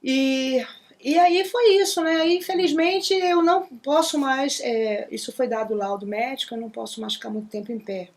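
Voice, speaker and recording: Chatty Carioca woman, fast talker. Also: high voice, a little mellow. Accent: Carioca Brazilian Portuguese. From Brazil (Rio de Janeiro). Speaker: guest, singer and percussionist. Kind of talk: casual interview chat.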